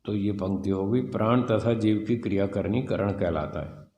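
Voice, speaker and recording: A man teaching a scripture class, reading a passage and explaining it slowly, sounding out letters one by one. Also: fairly low pitch, mellow, roomy sound, long reverb tail. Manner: slow, deliberate, spells out sounds and letters. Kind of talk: explanatory lesson reading and commenting on a text.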